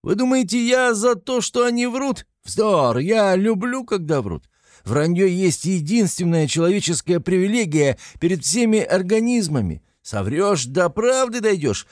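A man voicing an excitable, tipsy young man who rants passionately in an audiobook reading. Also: mid-range voice, measured pace, gravelly, no room sound, clean studio sound. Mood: indignant ranting. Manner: ranting, passionate, exclamatory.

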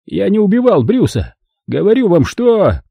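A man voicing a hysterical middle-aged casino boss in an audiobook, shrill and frantic, raising his voice high. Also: huge pitch swings, normal speed, gravelly, warm tone, husky, no room sound, exaggerated voice. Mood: defensive. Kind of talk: audiobook character voice.

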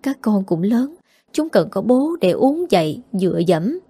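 A woman's voice: mid-range voice, very animated, a little slow, dark tone, husky, dry recording, studio quality, heavily acted. A woman voicing a grieving, pleading older wife. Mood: pleading grief. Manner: choked, imploring.

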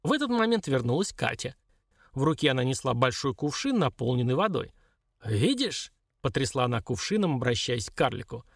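A man narrating an audiobook in an expressive storytelling manner. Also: medium pitch, a little fast, creaky, dry recording, studio quality. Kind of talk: scripted narration.

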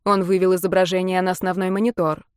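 Woman reading a first-person audiobook, measured and expressive, close and dry. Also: on the low side, smooth, no echo. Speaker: audiobook narrator.

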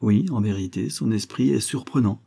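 A man's voice: on the low side, moderate pace, vocal fry, dark tone, breathy edge. A man voicing a vain, showy young Parisian man who declaims poetry in a self-satisfied, half-mocking manner. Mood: gallant.

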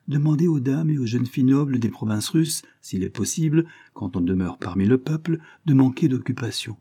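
A man's voice: medium pitch, lively intonation, brisk, dark tone, slightly rough, pitched above the performer's own voice. A man reading an audiobook, voicing an earnest young nobleman who speaks in a serious, lecturing way.

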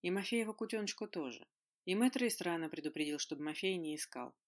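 A man's voice: high voice, expressive, quick pace. A reader voicing an easygoing, chatty young man who explains things at length.

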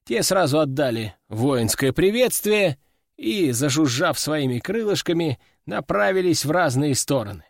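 A man narrating an audiobook in the first person, lively storytelling. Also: on the high side, unhurried, vocal fry, no room sound, clean studio sound. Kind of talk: scripted narration.

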